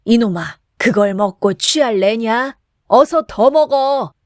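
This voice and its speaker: A woman voicing a drunk, coarse middle-aged man who shouts boastful curses. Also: a little high, very animated, a little slow, no room sound, studio quality. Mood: drunken bluster.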